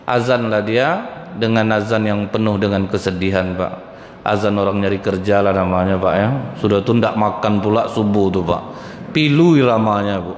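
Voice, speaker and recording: A male preacher, giving a lively sermon full of stories and constantly addressing the audience as sir and madam. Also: fairly low pitch, a little hiss or hum. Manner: addresses audience as Pak and Bu constantly, acts out quoted voices, jokes. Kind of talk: lively mosque sermon with storytelling. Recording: echoey hall with faint ambience.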